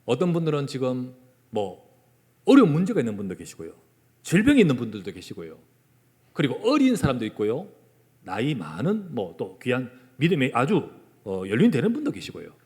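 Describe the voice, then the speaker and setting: A male pastor with a Gyeongsang Korean accent preaching a sermon in a church, moving between loud emphasis and hushed whispers. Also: mid-range voice, wildly swooping pitch, fairly quick. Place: church sanctuary. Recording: long church hall reverb.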